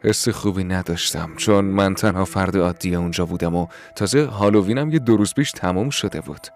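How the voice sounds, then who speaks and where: Male horror narrator, very deep voice, steady suspenseful telling. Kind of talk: first-person horror story narration.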